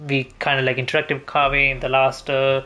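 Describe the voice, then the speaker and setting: A man livestreams a video game, chatting casually and thinking aloud in a rambling, hesitant way while he plays, with video game music behind him. His medium-pitched voice is monotone, brisk, pushed and bright.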